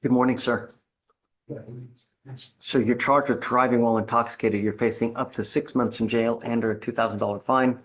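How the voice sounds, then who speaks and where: A man's voice: medium pitch, fairly even intonation, moderate pace, rough recording. A man speaking as a judge in a courtroom, giving blunt, stern orders and warnings in a directive way. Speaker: judge presiding over bond hearings.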